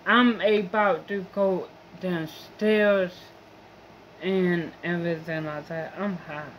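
A woman's voice: fairly low pitch, fairly even intonation, slow, a little hiss or hum. A young woman vlogger in a rambling, profane, complaining monologue. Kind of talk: casual venting monologue.

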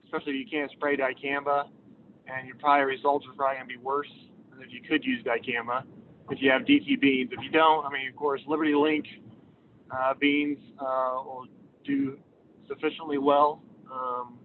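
A man's voice: level tone, normal speed. A man calling in by phone while driving on the interstate, presenting on weed control in a hesitant way with many filler sounds. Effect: phone call from a moving car. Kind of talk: informal presentation over the phone. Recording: tinny phone line with road rumble. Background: vehicle road noise.

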